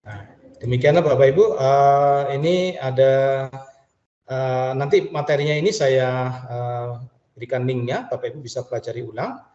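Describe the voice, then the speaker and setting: A man teaches a French lesson over a webinar, going over each phrase slowly and repeating it with a lift at the end. His voice is mellow and dark. The audio is dull and sounds like it was picked up in an echoey room. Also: mid-range voice.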